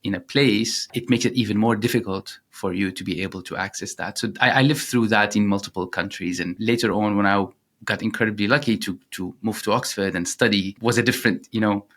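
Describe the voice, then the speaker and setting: A man's voice: on the low side, fairly quick, fairly bright tone. A man in his thirties from Syria, a startup founder talking in an interview, earnest and reflective with frequent fillers. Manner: earnest, reflective, many "you know" fillers. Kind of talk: interview conversation.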